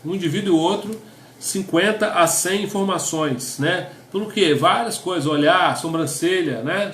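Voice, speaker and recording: A middle-aged Brazilian man, a pastor, talks couples through a conversational sermon in a voice on the high side and a bit bright, with a roomy sound. His Brazilian Portuguese accent is clear as he reads definitions aloud and tags his remarks with "né?".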